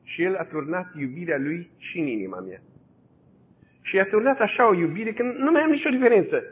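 A man voicing a gentle, devout young woman prisoner, speaking softly and low in a retold story, heard over a tinny, phone-like broadcast line. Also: very animated, a little hiss or hum. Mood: fervent.

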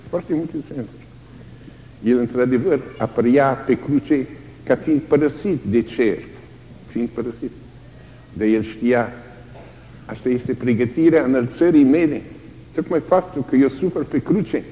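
An older man preaching a sermon, dramatic and lively, sometimes crying out the screams of the tortured. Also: mid-range voice, slight background noise. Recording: long hall reverb.

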